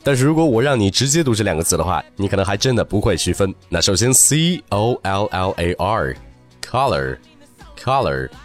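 Man, pronunciation teacher; animated delivery, lowish voice, slow drawn-out demo words. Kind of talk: lively spoken lesson.

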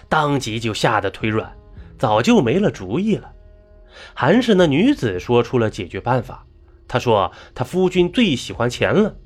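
A man narrating a ghost story in an animated, exclamatory storytelling manner. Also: medium pitch.

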